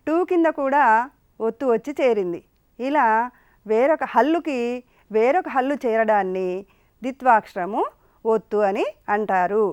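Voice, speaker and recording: A woman leads a children's lesson, her high voice smooth and clear. She coaxes the class along with patient questions. The sound is close and dry, with no room behind it. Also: no echo. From India. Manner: patient, coaxing questions to pupils. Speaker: teacher.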